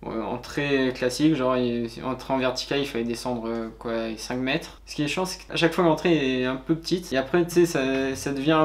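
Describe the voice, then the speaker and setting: A man's voice: mid-range voice, steady tone, a little fast, hardly any pauses, a little hiss or hum. A man recounting an outing casually, in loose colloquial phrases. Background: soft guitar music.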